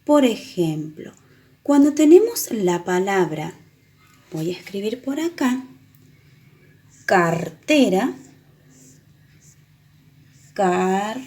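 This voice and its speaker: A woman teaching children the sounds of a letter, explaining patiently and repeating example words slowly. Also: mid-range voice, sing-song, dark tone. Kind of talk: children's reading lesson.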